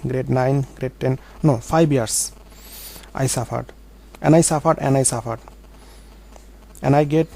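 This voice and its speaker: Earnest man with a mellow voice. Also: medium pitch, poor audio. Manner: earnest, halting, with grammar slips. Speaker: vlogger telling his own story. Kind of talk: personal storytelling monologue.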